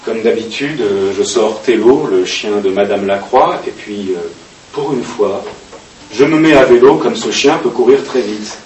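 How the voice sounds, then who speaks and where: A man reading a diary aloud in a halting, expressive way with occasional fillers, recorded at a distance in an echoey room with faint hiss. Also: on the low side. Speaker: reader.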